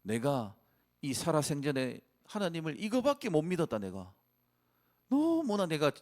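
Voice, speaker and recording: Old dying pastor, regretful, fatherly, earnest, quoted by a male preacher, lively pitch. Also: moderate pace.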